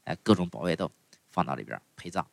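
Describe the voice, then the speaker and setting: Lively, low-voiced male storyteller. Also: fast talker, creaky, no echo. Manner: chatty, lots of "哎" and "对吧" asides. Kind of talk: comic folk storytelling.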